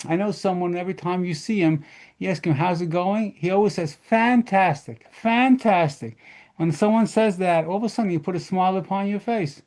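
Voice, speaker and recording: A rabbi telling lively stories at a model seder lesson, mixing in Hebrew terms. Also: male voice, high voice, moderate pace.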